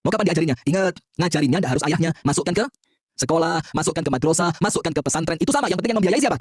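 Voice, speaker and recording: A man preaching a lively, joking sermon, quizzing the audience and having them call back answers. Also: on the high side, very fast, no echo, studio quality.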